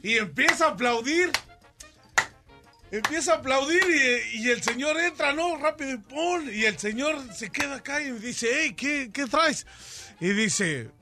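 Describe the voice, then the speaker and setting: A man calling in to a radio show to tell a joke, fumbling and halting as he goes. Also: very high-pitched, lively intonation, sharp tone, soft background music. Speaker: caller. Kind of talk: telling a joke on air.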